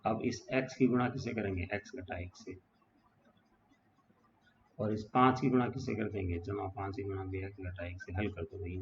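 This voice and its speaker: A male math teacher with a lowish, gravelly voice works through equations step by step on the whiteboard, keeping it casual and often checking in with students. The sound is dull and lo-fi with faint background noise.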